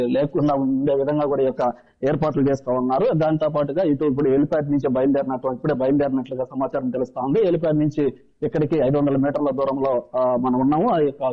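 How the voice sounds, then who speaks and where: Man, live news reporting, quick pace, repetitive false starts, dull lo-fi sound. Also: medium pitch, steady tone. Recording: dull, lo-fi live broadcast feed.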